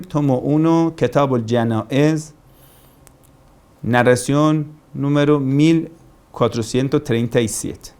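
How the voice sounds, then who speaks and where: A man's voice: mid-range voice, a little mellow. A man giving a religious lecture, emphatic and repetitive, asking rhetorical questions. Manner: emphatic, rhetorical questions, repeats key phrases. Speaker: preacher.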